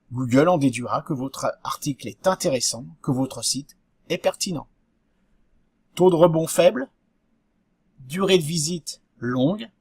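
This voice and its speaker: A man's voice: fairly high pitch, slightly rough, no echo, clean studio sound. A man giving a lesson on web marketing, talking straight to viewers and asking rhetorical questions. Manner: didactic, addresses viewers directly with rhetorical questions. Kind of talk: explanatory video talk.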